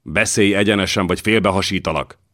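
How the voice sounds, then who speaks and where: A man voicing a gruff, hot-tempered warrior who talks in threats, in an audiobook. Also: low-pitched, a bit bright, no room sound, clean studio sound, voice pushed up. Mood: angry.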